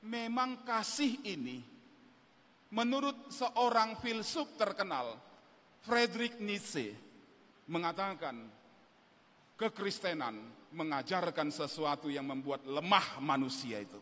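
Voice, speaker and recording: A man's voice: fairly high pitch, very animated, slow pace, pauses often, a bit bright. A man preaching a sermon as pastor, telling stories with animation and building to emphatic exhortation. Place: large church. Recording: reverberant church hall.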